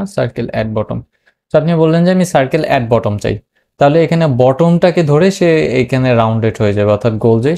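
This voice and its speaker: A man with a relaxed, warm tone and a middle pitch talks through a screen-recorded coding tutorial. He thinks aloud, fills pauses with "ah" and "umm", and spells out code as he types. He is from Bangladesh. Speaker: programming tutor.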